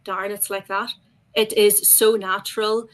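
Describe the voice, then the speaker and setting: A woman talks through a webinar in an enthusiastic, chatty way. Her voice sits at a middle pitch. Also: flat delivery, moderate pace. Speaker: education guest speaker. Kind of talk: casual webinar discussion.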